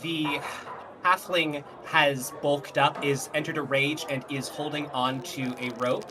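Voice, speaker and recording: A game master narrating a tabletop game, describing scenes in an unhurried way over faint music. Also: medium pitch, steady tone, noisy background.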